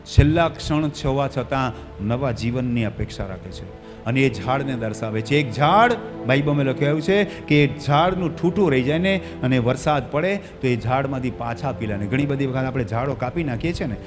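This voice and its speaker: A male pastor preaching a sermon in a church hall, his voice often swelling loud with fervor. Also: medium pitch, animated, normal speed. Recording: long hall reverb, faint music behind.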